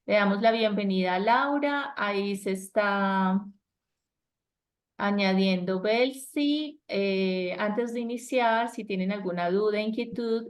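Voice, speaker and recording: A woman teaches an online English lesson. She explains grammar patiently in a mid-pitched voice and keeps asking her students "right?" to check they follow. She is heard through a video call.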